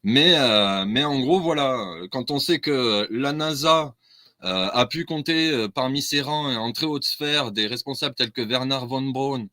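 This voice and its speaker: A man's voice: medium pitch, a little slow, sharp tone, dry recording. A man, a guest in a casual discussion, explaining his views earnestly and at length.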